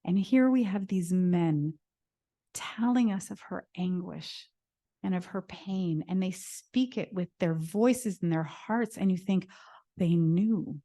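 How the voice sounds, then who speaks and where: A woman lecturer with a lowish, mellow voice tells an old story to an audience. She is animated and dramatic, leaning into the emotional moments of the tale. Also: takes it slowly. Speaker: guest lecturer.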